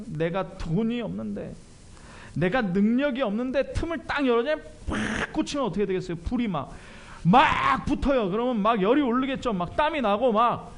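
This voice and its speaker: A male pastor preaching a sermon in church, animated and self-deprecating, often asking the congregation questions. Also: very high-pitched, creaky.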